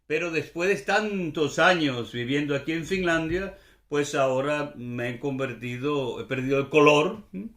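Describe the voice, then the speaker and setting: A Venezuelan man with a Caribbean Venezuelan accent hosts a Spanish-language podcast, delivering a relaxed, rambling monologue as he thinks aloud with many hesitations. His voice is fairly high and his pace moderate, and the sound is reverberant.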